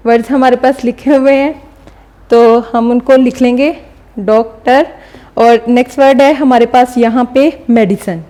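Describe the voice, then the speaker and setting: A woman teacher explaining a recorded lesson step by step, often pausing to check understanding. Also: a little high, steady tone, warm tone. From Pakistan. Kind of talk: recorded classroom lecture.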